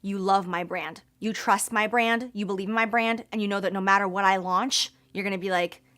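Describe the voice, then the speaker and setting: Young female beauty vlogger, emphatic and gushing, breaks into excited squeals. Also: medium pitch, brisk. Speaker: beauty YouTuber launching her brand. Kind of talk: excited product reveal vlog.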